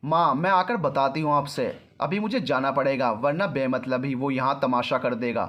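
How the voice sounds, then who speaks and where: A man's voice: medium pitch, moderate pace, a bit bright, lo-fi sound, natural voice. A man voicing an anxious young woman in a storybook reading, apologetic and pleading. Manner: placating, apologetic. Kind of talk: storybook narration.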